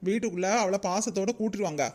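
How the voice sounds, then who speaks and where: A woman voicing a sensible young daughter-in-law with a Kanyakumari Tamil accent, calm and persuasive, in a cartoon. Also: medium pitch, quick pace, lightly acted.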